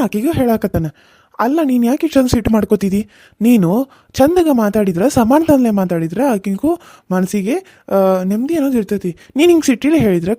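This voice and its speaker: A young village husband in a cartoon reasons with his mother and wife in a coaxing, mildly exasperated way, voiced by a woman. The voice is mellow and quick, recorded close and dry. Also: a little high, dry recording. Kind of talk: cartoon serial voice acting.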